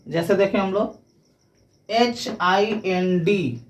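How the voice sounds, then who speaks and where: Woman, English pronunciation lesson, very slow, spells out letters, mid pitch. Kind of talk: explaining phonics rules step by step.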